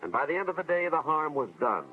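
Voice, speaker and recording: A man's voice: on the high side, sing-song, fast talker. An American man acting as an earnest school official, narrating a 1950s educational film in a dramatic, moralizing storytelling style. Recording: dull vintage film soundtrack, music behind.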